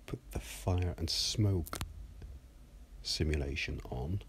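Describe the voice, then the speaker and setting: A man, talking softly and in a monotone, often half-whispered, as he walks through his 3D animation work at a desk microphone. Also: rumbling low, slow, background noise. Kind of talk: screen-recorded software walkthrough.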